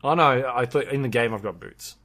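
A man's voice: medium pitch, brisk, fairly bright tone. A man co-hosting a podcast in casual chat, rambling along with many ums and restarts. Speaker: podcast co-host.

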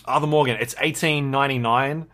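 A man's voice: medium pitch, steady tone, fairly quick, fairly bright tone. A man co-hosting a podcast in casual chat, rambling along with many ums and restarts. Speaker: podcast co-host.

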